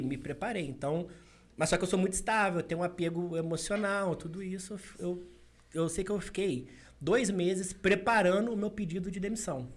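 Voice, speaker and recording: A young adult man, a business consultant co-hosting a podcast, telling a personal story in casual conversation, acting out quoted dialogue and laughing often. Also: high voice.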